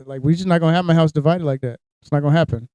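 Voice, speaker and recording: A podcast co-host tells crude, joking stories in a casual chat, animated throughout. His voice is on the high side and racing, with a clean tone and no echo.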